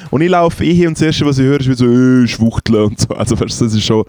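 A man's voice: medium pitch, lively intonation, quick pace, darkish tone, no echo. A young man with a Swiss German accent telling rambling, slangy stories in casual chat with many fillers. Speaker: podcast co-host.

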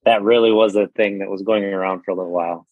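A man with a low voice rambles through his points, full of fillers and repeats. The sound is dry and a little dull, as if recorded on a cheap mic. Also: fairly even intonation, quick pace, no echo. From United States. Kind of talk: casual discussion.

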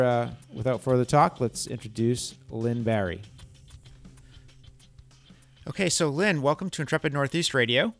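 A man with a New England accent hosting a travel podcast, introducing a guest and then asking questions with a few filler pauses. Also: medium pitch. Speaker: podcast host.

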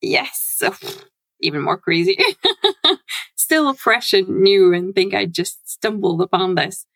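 Guest: woman, lively and laugh-prone, slight vocal fry, dry close sound. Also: medium pitch, no room sound. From Norway. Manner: animated, laughs often, quick bursts. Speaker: guest, CRM consultant. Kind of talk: casual interview chat. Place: home.

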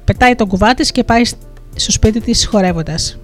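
A storyteller telling a traditional fairy tale in a steady, lilting rhythm at a middling pitch. Soft music runs faintly beneath the narration. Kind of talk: folktale narration.

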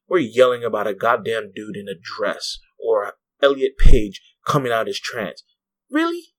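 A man's voice: mid-range voice, fairly bright tone, low-quality recording. A man hosting a podcast, delivering a heated, blunt political rant full of swearing and speaking straight to his listeners. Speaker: podcast host. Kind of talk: ranting political commentary.

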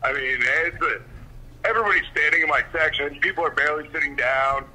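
A man's voice: on the high side, brisk, bright, forceful tone, poor audio. A man calling in and heard through a phone on speaker, chatting casually and swearing freely. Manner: laid-back, swears freely. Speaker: caller. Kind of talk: casual call-in chat.

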